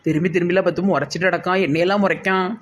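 A man's voice: sits high, fairly even intonation, racing, slight background noise, lightly acted. A man voicing a nervous, defensive village man in a cartoon, with a Tirunelveli Tamil accent.

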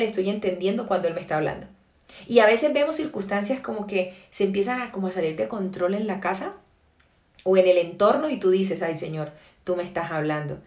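A woman's voice: mid-range voice, darkish tone. Earnest woman preaching in an echoey room. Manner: earnest, emphatic preaching with slow stressed phrases and rhetorical questions. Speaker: devotional preacher. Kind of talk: early-morning online devotional sermon.

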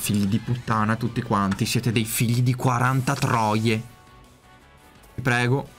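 A man commentating his own video game play in casual speech, excitable, swearing often and yelping in sudden outbursts. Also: mid-range voice, unhurried, faint music behind.

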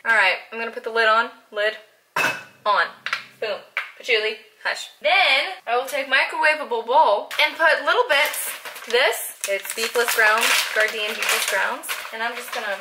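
A young woman in her twenties, a vlogger, chats playfully to a handheld camera held at arm's length while cooking in the kitchen of her small apartment, which includes a living room. Her voice is fairly high and her pace normal, and the room is echoey with background noise.

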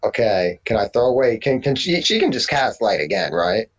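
A man playing in a tabletop game, asking eager, quick questions. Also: mid-range voice, big pitch swings, breathy edge. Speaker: player. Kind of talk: casual tabletop play. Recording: dull lo-fi mic.

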